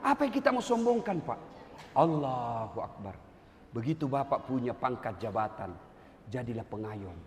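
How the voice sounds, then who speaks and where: A middle-aged man preaching a humorous sermon, switching between loud exclamations and quiet asides. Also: mid-range voice, moderate pace. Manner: animated, swings from loud exclamations to soft asides. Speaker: Islamic preacher. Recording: reverberant hall with faint background noise.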